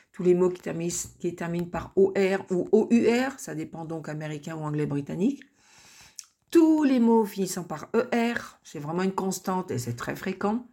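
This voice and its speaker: A woman's voice: on the low side, a little mellow, husky. A woman teacher reading through a pronunciation table in a recorded lesson, spelling out letters and modelling words one by one. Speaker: English teacher.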